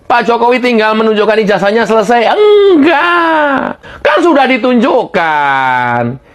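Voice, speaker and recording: A woman's voice: a little high, very animated, measured pace. Fiery, sarcastic woman commentator. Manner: indignant, mocking, repeatedly addressing her target; laughs scornfully between remarks. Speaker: political commentator. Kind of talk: heated political commentary.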